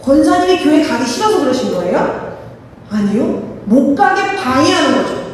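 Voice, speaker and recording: A woman's voice: high voice, very animated, moderate pace, slight background noise. A woman pastor preaching a fervent sermon and calling for responses from the congregation. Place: church sanctuary. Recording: echoey church hall from far off.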